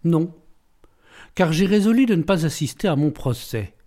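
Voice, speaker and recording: A man's voice: fairly high pitch, animated, moderate pace, mellow, pitched above the performer's own voice. Man doing Arsène Lupin, suave teasing thief. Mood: mocking. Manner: playful, teasing, self-assured.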